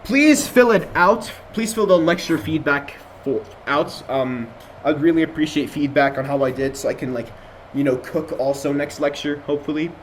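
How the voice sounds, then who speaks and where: A young man from Jordan with an American accent rambles casually as a student lecturer during an online review session on a voice call. His voice is on the high side and moderately paced, chatty, full of fillers and restarts. He's using a computer mic, which adds a little hiss or hum.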